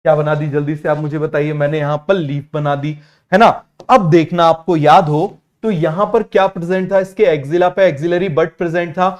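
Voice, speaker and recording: A male teacher giving an online biology lesson in Hindi-English mix, repeating key terms and urging students to answer quickly. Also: on the high side, fairly even intonation. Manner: repetitive, keeps asking students to answer quickly; drills terms by repeating them slowly.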